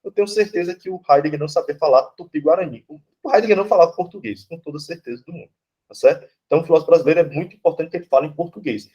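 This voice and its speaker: A Brazilian philosophy professor lectures bluntly and informally, swearing casually and constantly checking in with "né?" and "tá certo?". His voice sits on the high side with a dark, breathy tone, and he talks very fast. The audio sounds dull.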